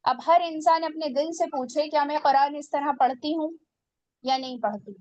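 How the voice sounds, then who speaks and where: A woman's voice: high-pitched, moderate pace, a little mellow, dull audio. A woman teaching a religious class on Quran recitation, earnest and exhorting her students.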